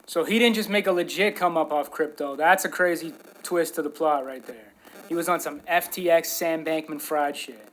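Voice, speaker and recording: A man's voice: on the high side, moderate pace, a bit bright, slight background noise, rough recording. A man reacting to a stream, chiming in with blunt, profane remarks. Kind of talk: casual reaction commentary.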